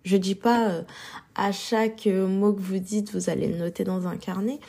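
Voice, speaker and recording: A woman with a sore, husky throat, talking informally and thinking aloud as she hosts a relaxed, unscripted solo podcast. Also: mid-range voice, normal speed. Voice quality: husky, soft-edged. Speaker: podcast host.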